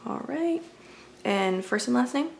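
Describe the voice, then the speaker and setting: A woman with a gravelly, somewhat high voice speaks expressively at a measured pace over slight background noise. Her ASMR roleplay casts her as a helpful, friendly video game store clerk, chatting casually, politely and apologetically.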